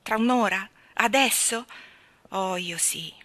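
Bright-voiced reader voicing a bold, scornful young woman, audiobook part, dry close sound. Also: mid-range voice, slow pace, no room sound. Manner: scornful, challenging. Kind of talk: audiobook character reading.

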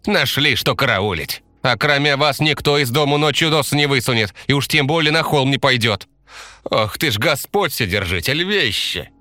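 Guy doing a fussy old village granny, scolding loud and higher than his own voice. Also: lively intonation, normal speed, no room sound, clean studio sound. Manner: scolding, fussing, lamenting.

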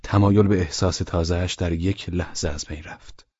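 A man narrating a novel as an audiobook, reading in a measured, even way. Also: deep voice, husky, dry recording, highs cut off.

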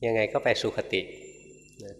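Man, Buddhist monk, relaxed humorous dharma talk, reverberant hall, faint background hiss. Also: unhurried. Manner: conversational, gently humorous storytelling. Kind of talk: Dhamma talk.

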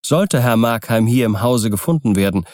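A man voicing a mysterious, polite male visitor who seems not of this world, speaking in a courteous, quietly stern way. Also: mid-range voice, expressive, moderate pace, no echo, studio quality, natural voice. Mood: calm courteous.

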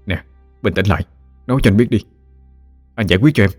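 A man voicing a worried young village man who gently soothes his sweetheart. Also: lowish voice, fast talker, no echo, faint music behind, lightly acted. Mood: soothing. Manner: soothing, earnest.

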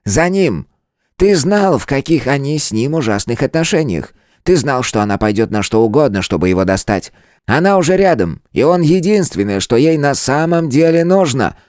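A man's voice: mid-range voice, expressive, normal speed, a little mellow, dry recording, clean studio sound, voice pushed up, close to an everyday voice. A man voicing an insistent male mouse-clan elder who urges and pleads with the council. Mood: urgent. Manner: urgent, insistent.

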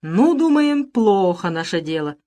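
A woman voicing an excited, breathless male servant who tells his news in a folksy gabble. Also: mid-range voice, unhurried.

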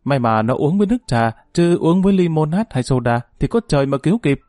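A man's voice: on the high side, lively intonation, fast talker, a little mellow, no echo, close to an everyday voice. A bitter young woman throws sarcastic reproaches in this audiobook scene, voiced by a man who raises his voice for her. Her tone is cutting and resentful. The recording is dry and close. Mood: reproachful. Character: resentful sharp-tongued young woman, a dancer's friend.

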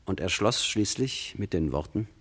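A man with a deep voice narrates a true crime radio play, speaking soberly and at a measured pace as he explains events straight to the listener. His voice is also animated and husky.

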